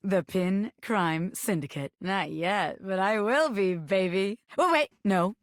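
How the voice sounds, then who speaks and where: A brash little hairpin crime boss for a video game. She is a cocky, slangy schemer who teases and boasts with very lively, swooping intonation. The sound is dry and studio-close. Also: mid-range voice, slow pace, dry recording. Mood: cocky, menacing, teasing. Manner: cocky, slangy street-tough swagger, teasing. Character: brash living bobby pin, swaggering female wannabe gangster, playful schemer. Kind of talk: video game character voice acting.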